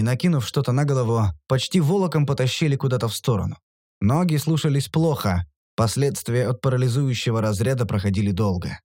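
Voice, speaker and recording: A man's voice: mid-range voice, a little mellow, no echo, clean studio sound. A man reading a first-person audiobook in a wry, sardonic way. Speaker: audiobook narrator.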